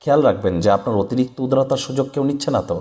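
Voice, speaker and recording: A man presenting a daily horoscope as a channel host, reading a script in a brisk, declamatory way straight to viewers. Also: medium pitch, dark tone. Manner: brisk, declamatory delivery, addressing viewers directly.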